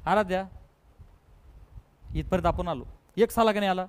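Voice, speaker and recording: A man with a Marathi accent teaching a math lesson, briskly coaxing pupils and drilling them with repeated questions. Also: high-pitched, clear, resonant tone. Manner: brisk, coaxing, keeps prompting pupils to answer quickly; repetitive call-and-response questioning. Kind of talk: online class lesson.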